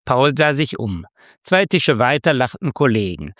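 A man narrating a story in a measured, expressive way. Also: mid-range voice, dry recording, clean studio sound. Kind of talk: scripted narration.

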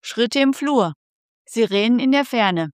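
A woman reading a tense story aloud as narrator, with slow, measured delivery. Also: on the high side, expressive, no room sound, studio quality. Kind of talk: scripted narration.

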